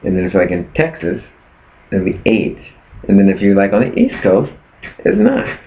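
A man's voice: sits low, wildly swooping pitch, moderate pace, vocal fry. A man preaching earnestly in a casual vlog, often asking rhetorical questions. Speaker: preacher sharing his fast. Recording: tinny phone-like sound.

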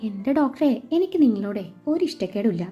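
A woman's voice: medium pitch, big pitch swings, fast, warm tone, close to an everyday voice. A woman voicing a shy young bride-to-be who jokes about herself in a read-aloud story. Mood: wry. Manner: wry, self-deprecating. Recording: slightly dull with faint music.

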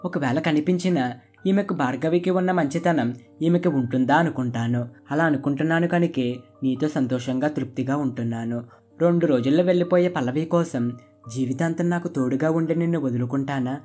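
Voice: mid-range voice, darkish tone, natural voice. Narrator reading an earnest, reassuring husband. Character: husband calmly explaining himself to wife.

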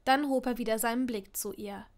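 A woman with a high voice reads a fan-fiction audiobook aloud. She keeps a calm, even storytelling tone. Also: fairly quick. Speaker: audiobook narrator. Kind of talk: scripted narration of fan fiction.

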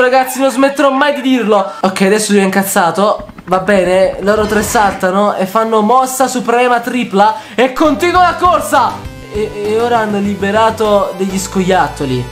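A young man hosting a reaction video, excitable and quick to shout and laugh between comments. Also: high voice. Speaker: YouTuber host.

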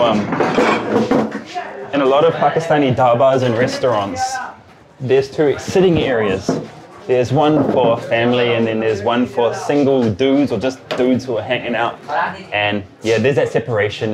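A man in his thirties explains things to camera in a casual, informal vlogging style. His voice is medium in pitch, picked up on a handheld camera with clear crowd chatter around him. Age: 30s. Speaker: travel vlog host. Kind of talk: casual chat and commentary to camera. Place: busy street and small tiled eatery.

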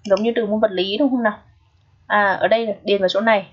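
Husky-voiced woman teaching English grammar. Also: medium pitch, fairly even intonation, fast talker, dull audio. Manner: patient, checks in often with rhetorical questions. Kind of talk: exam review lesson.

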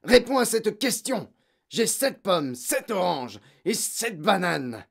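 A narrator voicing a huge, brutal, bullying headmistress in an audiobook, barking and shouting insults. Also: medium pitch, very animated, slow pace, vocal fry, husky, pitched above the performer's own voice, full character voice. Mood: furious. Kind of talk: audiobook character voice.

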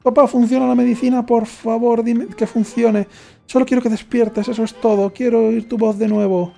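A man voicing an anxious young girl in a video game, in a high, eager and pleading tone. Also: little pitch movement, normal speed, vocal fry, mellow, faint music behind.

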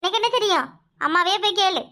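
A woman's voice: very high voice, sharp tone, full character voice. A woman voicing a cheeky schoolgirl daughter in a cartoon, with a Tirunelveli Tamil accent. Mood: protesting. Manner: pleading, quick and chirpy. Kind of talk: cartoon voice acting.

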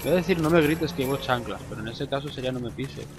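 A young Spanish man with a Spain accent commentates casually on his gameplay, swearing often and shouting excitedly. His middling-pitched voice is gravelly with lots of vocal fry, and he talks fast. Game music is clearly audible behind him, and the recording quality is low.

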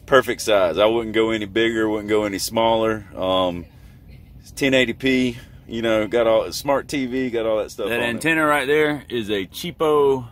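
A middle-aged American trucker speaks at a moderate pace in a voice on the low side. He's recording a plain-spoken, casual how-to from inside his truck cab, where background noise can be heard.

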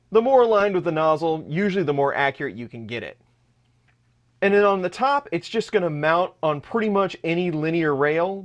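A man in his thirties, a channel host, films a hands-on vlog of building a 3D printer in his home workshop, explaining each part as he shows it. His voice sits high and is a bit bright.

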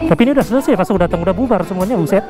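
A man's voice: high-pitched, expressive, rapid-fire. Man, Indonesian accent, casual vlogger, slangy, jokey exclamations, music behind. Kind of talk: casual vlog commentary to camera. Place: indoor theme park, action camera worn or held.

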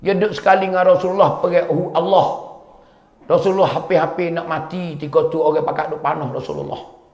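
Gravelly high-voiced Malay preacher storytelling. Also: male voice, steady tone, fast talker, darkish tone. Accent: Kelantan-Pattani Malay. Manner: dramatic storyteller, acts out wailing and dialogue. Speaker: religious teacher. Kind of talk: storytelling sermon.

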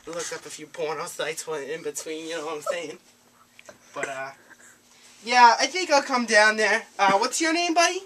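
In a small, cluttered room, a young man makes a prank phone call, rambling, hesitant and overly familiar, while a crowd can be heard in the background. His voice sits high and he speaks at a moderate pace. A handheld camera a few feet away captures it as noisy amateur audio with clicks.

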